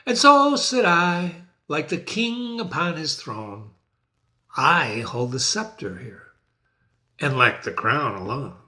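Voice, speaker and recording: A sly male devil speaks with lordly scorn, as a man puts him on, drawing out his words slowly. His voice swings widely and sounds bright and forceful. This is a dramatic reading. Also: a little high, expressive, exaggerated voice. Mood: smug. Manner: mocking, lordly.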